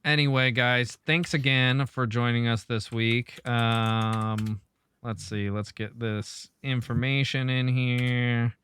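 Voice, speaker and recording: A man's voice: medium pitch, little pitch movement, takes it slowly, fairly bright tone, clear, resonant tone. A man hosting a casual gaming podcast, rambling through his sign-off with filler hums. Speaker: podcast host. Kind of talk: casual chat.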